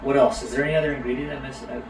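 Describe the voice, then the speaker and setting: Relaxed chatty man, roomy far-off sound. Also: medium pitch, racing, over music. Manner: relaxed, chatty, talks to viewers and kids by name. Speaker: co-host of a live cooking stream. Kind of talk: casual live-stream chat. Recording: roomy sound from a distant mic, faint background noise.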